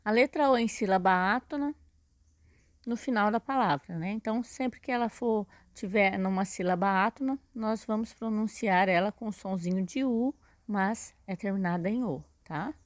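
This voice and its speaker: With a mid-range voice and a moderate pace, this teacher delivers a recorded lesson with no echo. Her accent is Brazilian Portuguese, and she patiently walks through things step by step, frequently checking in with "né?" and "tá?".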